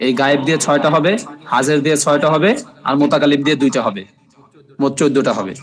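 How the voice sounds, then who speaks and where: A man's voice: fairly high pitch, fast talker, low-quality recording. Male online Arabic tutor from Bangladesh, patient drill-style delivery, checks in with students often. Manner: repetitive drilling, asks "ঠিক আছে?" often. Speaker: Arabic language teacher. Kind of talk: online class lecture.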